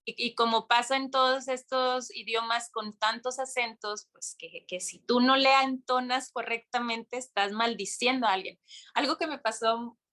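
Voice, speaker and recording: Bright high-voiced woman. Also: normal speed. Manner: animated, full of restarts and acted-out quotes. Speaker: podcast guest. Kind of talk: casual storytelling interview.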